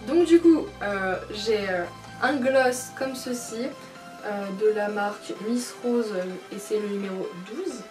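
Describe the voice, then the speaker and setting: A woman's voice: mid-range voice, takes it slowly, a little mellow, distant mic, faint music behind. A young woman chatting through a casual vlog from a bedroom, hesitant with many fillers and apologies. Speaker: beauty vlogger. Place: her mother's bedroom, indoors. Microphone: camcorder mic.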